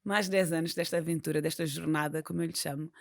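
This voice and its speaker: A woman's voice: deep voice, steady tone, fast talker, gravelly, no room sound, studio quality. A woman born in Portugal with a European Portuguese accent, co-hosting a podcast with laughing, bantering replies. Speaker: podcast co-host. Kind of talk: casual chat.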